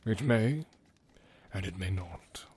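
A grave old wizard speaks in a low, hushed voice that sometimes drops to a whisper, as a man reads him. The tone is measured and kindly, with a lively rise and fall, and the voice is a little husky.

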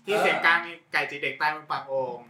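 A man's voice: a little high, quick pace, echoey room, a loud crowd. A man in casual chat with friends, crude and joking, often protesting.

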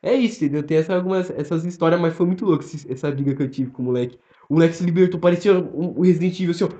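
A young man with a Brazilian accent, telling stories in fast, slangy casual podcast chat full of fillers. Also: a little high, dark tone. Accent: Brazilian Portuguese. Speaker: podcast co-host. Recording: roomy, dull lo-fi sound.

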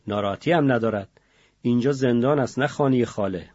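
A gruff prison policeman who barks short, dismissive orders, voiced by a male audiobook reader. The voice is husky and a little raised above the narration, recorded dry and close. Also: mid-range voice, darkish tone, dry recording, dull audio, close to an everyday voice. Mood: curt. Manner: curt, dismissive, barking.

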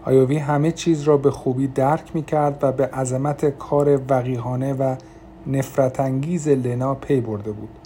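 A man narrating an audiobook in a calm, measured reading voice. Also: mid-range voice, a little hiss or hum. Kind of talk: scripted narration.

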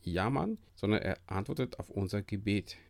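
Earnest low-voiced man preaching encouragement. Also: expressive, moderate pace, gravelly, dry recording, studio quality. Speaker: podcast host. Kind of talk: devotional podcast talk.

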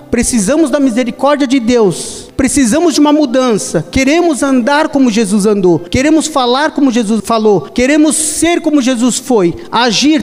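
Brief: emphatic, repetitive preacher with a Brazilian accent, very high voice, in a reverberant church with soft music behind. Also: male voice. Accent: Brazilian Portuguese. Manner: emphatic, repetitive, addresses listeners as "querido". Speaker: evangelist preacher. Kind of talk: sermon.

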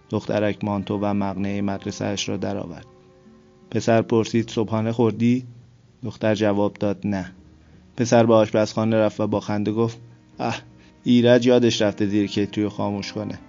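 Male narrator, low and gravelly, flat steady read, dull lo-fi sound. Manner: steady, flat storytelling delivery. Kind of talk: scripted literary narration. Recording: dull lo-fi recording with soft music.

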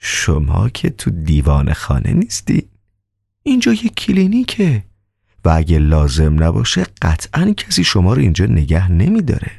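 A man voicing a calm, polite male doctor who asks slow, soft, half-whispered questions. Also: deep voice, gravelly, breathy edge, dry recording, clean studio sound, heavily acted.

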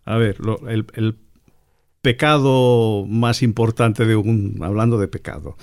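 A man's voice: on the low side, unhurried, darkish tone. Hesitant middle-aged man, many restarts. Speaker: guest painter. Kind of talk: radio panel talk.

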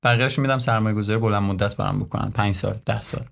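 A man from Iran co-hosting a casual podcast chat, relaxed and quick to laugh, speaking in loose trailing phrases. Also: on the low side, gravelly. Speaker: podcast co-host.

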